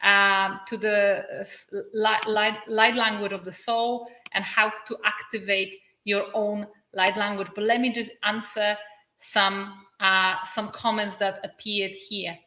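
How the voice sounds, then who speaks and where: In an echoey room, a woman from Poland delivers an earnest spiritual livestream in English, her second language, with a Polish accent, responding to viewer comments as a spiritual channel and activator. Her mid-range voice is level, pushed and bright, and she draws out key words with dramatic pauses.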